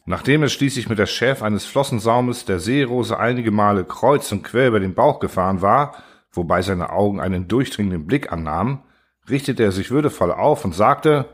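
Low-voiced man reading a story. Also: expressive. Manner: measured, dramatic storytelling. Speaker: narrator. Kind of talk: scripted story narration.

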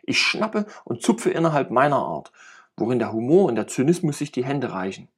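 A man's voice: medium pitch, big pitch swings, moderate pace, breathy edge. A man reading aloud and voicing a jovial, talkative middle-aged friend who rambles and teases with cynical humor. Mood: playful teasing. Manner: rambling, playful banter.

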